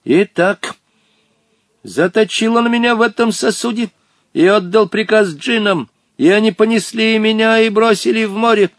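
A man's voice: high voice, normal speed, no echo, studio quality, voice pushed up. A man voicing a pompous, wrathful old male genie in an audiobook, speaking in archaic, threatening phrases. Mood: haughty. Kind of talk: audiobook character voice.

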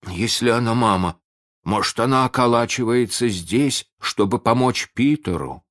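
A man's voice: medium pitch, lively intonation, normal speed, fairly bright tone, voice pushed up, lightly acted. A man voicing a suspicious, wary pirate in a storybook reading. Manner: wary, questioning. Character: suspicious adult male pirate.

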